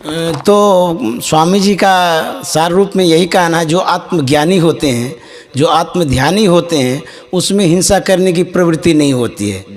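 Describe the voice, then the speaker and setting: A man hosting a spiritual question-and-answer show, reading out viewers' questions. He paraphrases the replies and keeps up soft affirmations. His voice sits a little above the usual male range. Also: a little high, normal speed. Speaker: host presenting viewers' questions.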